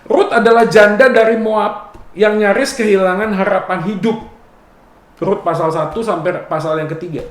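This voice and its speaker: Man, high voice, casual Bible exposition sermon, joking, adds "ya" often, roomy echo. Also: moderate pace. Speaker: preacher.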